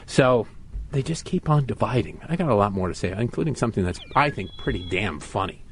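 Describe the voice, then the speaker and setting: A man's voice: lowish voice, lively intonation, fairly quick, noisy background. A middle-aged American man filling in as a talk radio host, delivering an opinionated monologue with sarcastic, mocking asides.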